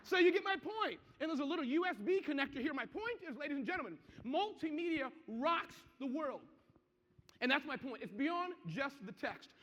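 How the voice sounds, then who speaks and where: A man giving an interactive business seminar to a live audience, energetic and constantly checking that people follow him. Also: very high-pitched, moderate pace. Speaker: seminar presenter. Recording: muffled, echoey hall.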